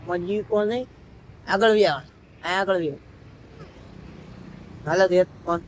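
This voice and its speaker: A man's voice: high voice, measured pace, a little hiss or hum. A man vlogging outdoors on a phone camera, coaxing a small child in sing-song baby talk and chatting to viewers.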